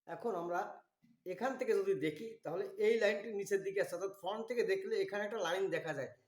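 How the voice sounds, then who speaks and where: A man giving a slow, methodical drawing tutorial, walking through each step. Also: sits high, roomy sound. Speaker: drawing instructor.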